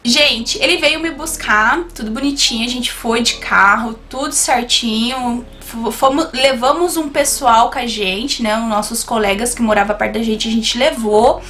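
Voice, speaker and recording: A young woman with a high, bright voice tells a personal story to her channel. She is animated and chatty, and she keeps turning to her viewers as she talks. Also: normal speed. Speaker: YouTuber. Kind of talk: storytime vlog.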